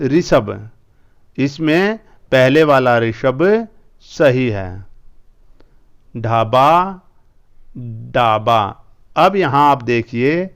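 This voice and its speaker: A male teacher going through a school language lesson, repeating each word slowly two or three times. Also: medium pitch, smooth.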